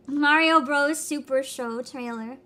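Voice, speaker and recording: A woman chatting casually on a reaction livestream, excitable, giggly and given to exclaiming as she hosts. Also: high-pitched. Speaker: streamer, host.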